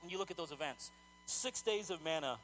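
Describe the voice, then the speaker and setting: High-voiced man preaching a sermon. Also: fairly quick, a little hiss or hum, poor audio. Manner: conversational, animated preaching with repetitions. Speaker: pastor.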